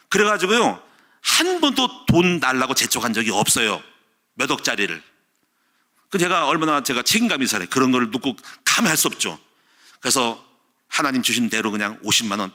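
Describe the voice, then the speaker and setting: A middle-aged male pastor preaching a sermon, telling stories animatedly and acting out the shouts he quotes. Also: medium pitch.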